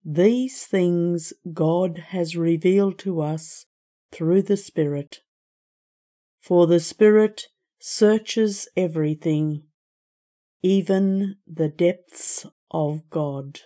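A woman reading scripture as a lector in a solemn, deliberate liturgical style. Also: fairly low pitch, dark tone.

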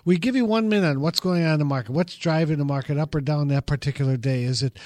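A man talks retirement investing on a radio show, rambling a little and poking fun at himself. His voice sits a bit higher than most men's, and the studio mic gives it a close, dry sound. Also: quick pace, darkish tone, no echo. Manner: chatty, self-deprecating, loose with fillers. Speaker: investment firm head, show host. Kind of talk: casual radio talk. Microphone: studio microphone.

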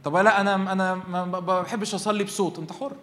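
Young egyptian guy preaching fast, high voice, reverby church hall. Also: a little hiss or hum. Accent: Egyptian Arabic. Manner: animated, asks the crowd questions and acts out voices. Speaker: youth meeting preacher. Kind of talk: lively Egyptian Arabic sermon.

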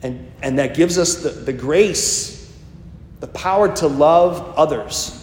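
A man's voice: a little high, takes it slowly, darkish tone, slight background noise. Man in his fifties preaching in an echoey church. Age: 50s. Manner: conversational storytelling preacher. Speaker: priest. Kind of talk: homily. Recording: echoey church, long reverb, faint ambience.

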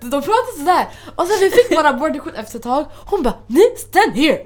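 A young woman with a high voice that leaps up and down as she tells a story over casual chat. She acts out other people's lines and breaks into laughter along the way. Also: very animated.

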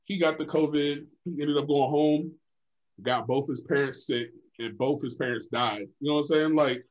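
A young man co-hosting a casual chat, telling stories in an animated, profane way, full of filler phrases. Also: fairly high pitch, moderate pace, muffled recording. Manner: animated, profane storytelling full of "like" and "you know what I'm saying".

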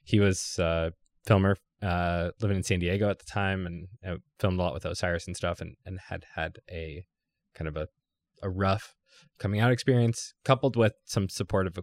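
A man's voice: low voice, normal speed, dry recording. Dry-sounding young man telling a rambling story. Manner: rambling, many restarts and "like", swearing, laughing storyteller. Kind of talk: casual chat.

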